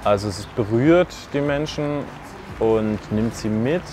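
A man who works with youth, speaking thoughtfully and in a measured way in an outdoor interview. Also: on the low side, expressive, noisy background. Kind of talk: documentary interview.

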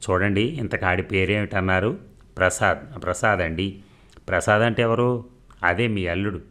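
A man's voice: sits low, moderate pace, fairly bright tone. A man reading a novel aloud, narrating and voicing every part with small shifts in his voice and a few slips and restarts. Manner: reads dialogue with light voice changes, some slips and restarts. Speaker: novel reader. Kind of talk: audiobook narration of a novel, voicing all parts.

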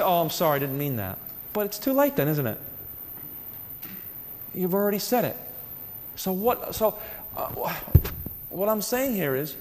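A man's voice: sits high, darkish tone. Man, earnest spiritual lecture, questions to the audience, long hall reverb, faint background hum.

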